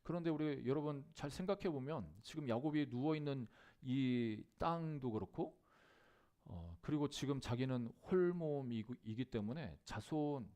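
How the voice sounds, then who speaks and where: A man's voice: mid-range voice, dark tone. Earnest male pastor preaching a sermon. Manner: earnest preaching with frequent filler "uh" and rising emphatic bursts. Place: church sanctuary.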